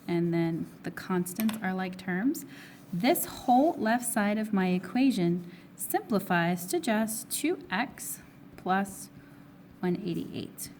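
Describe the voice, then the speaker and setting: A woman teacher losing her voice, a little hoarse and coughing now and then, talks through geometry review problems one step at a time. She keeps putting questions to her students and answering them herself, at an ordinary pitch, with a faint hiss behind her. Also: a little mellow. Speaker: math teacher. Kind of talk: recorded test review lesson.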